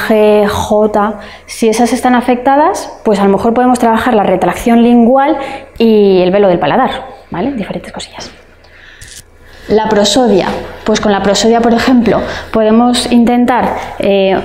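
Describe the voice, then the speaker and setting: A woman lecturing as a speech therapist, her voice a little high yet mellow and warm. She explains step by step, with fillers and quick checks that her listeners are following. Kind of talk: online lecture.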